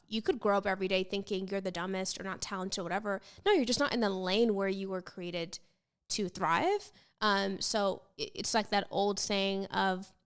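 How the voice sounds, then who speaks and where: A young woman hosting a podcast, giving candid, rambling advice in a casual, conversational way with vocal fry. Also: mid-range voice. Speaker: podcast host. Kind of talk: casual advice chat answering listener questions. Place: apartment set up as podcast studio.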